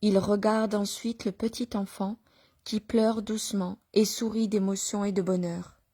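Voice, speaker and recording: A woman reading a religious nativity story aloud at a measured pace, with pauses and small restarts. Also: medium pitch, level tone, warm tone, no echo. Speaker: reader.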